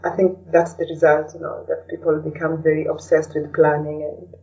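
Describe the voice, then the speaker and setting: Low, gravelly and monotone, this middle-aged woman with a Kenyan accent speaks at a moderate pace as a podcast guest who blogs and podcasts herself. She answers questions in a thoughtful, halting way, frequently adding "you know," captured on a distant mic with dull lo-fi sound.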